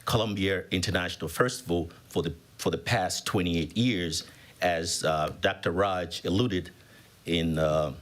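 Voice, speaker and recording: A man from Tanzania, a business professor, giving halting public testimony with many fillers at a county hearing. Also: low-pitched, fairly bright tone.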